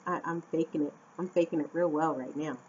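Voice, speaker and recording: A woman's voice: low voice, steady tone, a little fast, darkish tone. Chatty American woman on dull lo-fi audio. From Phoenix, Arizona, USA. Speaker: vlogger and English teacher. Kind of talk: casual chat to camera. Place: at home indoors. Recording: dull lo-fi camera audio with faint room noise.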